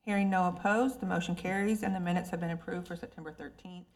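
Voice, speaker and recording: A woman's voice: lowish voice, fairly even intonation, fast. A woman chairing a committee meeting, running procedure in a polite, formal way.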